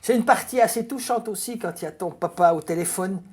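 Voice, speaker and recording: A woman's voice: medium pitch, brisk, a little mellow. A woman hosting a casual interview, rambling and repeating words as she frames her questions. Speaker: interview host.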